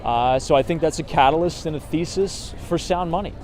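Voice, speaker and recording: A hoarse man with a slightly higher voice chats loosely while walking city streets, talking about markets and reading viewer comments during a casual livestream. He talks fairly quickly in a slightly mellow tone, packing in fillers and a frequent "right?". It's recorded outdoors on a handheld phone, with traffic humming behind him.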